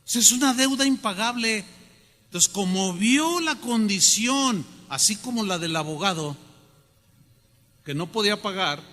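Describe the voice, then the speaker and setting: A man preaching a sermon, animated and often questioning the congregation. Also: high-pitched, a little slow. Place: church hall. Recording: long hall reverb.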